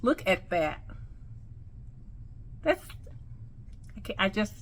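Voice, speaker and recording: A woman's voice: medium pitch, sing-song, takes it slowly, a little hiss or hum. A woman vlogging casually about her new teeth, effusive and chatty, with a slight lisp. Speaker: customer sharing her experience. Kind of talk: casual selfie vlog.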